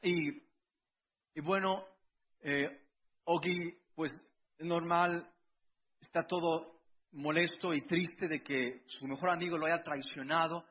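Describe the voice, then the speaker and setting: A man's voice: fairly high pitch, steady tone, slow pace, pauses often, breathy edge. A middle-aged man, preaching a conversational sermon with personal stories and frequent restarts. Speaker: pastor. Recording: dull lo-fi sound.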